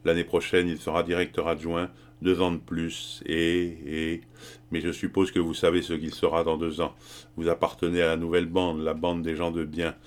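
A man's voice: low-pitched, monotone, normal speed, natural voice. A man reading the part of a scheming young colonial brickmaker who speaks in an insinuating, evasive way.

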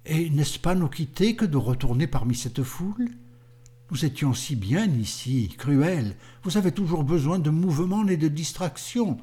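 A man's voice: fairly high pitch, lively intonation, measured pace, dark tone. A man reading a passionate, lovesick young man in an audiobook, fervent and pleading.

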